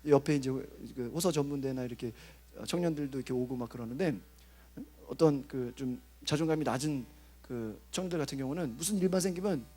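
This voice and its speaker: A man, a pastor, preaching at a youth rally in a lively, conversational way, acting out inner voices and checking in with listeners. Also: mid-range voice, brisk, breathy edge. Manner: animated, acts out inner voices and asks the audience "어?".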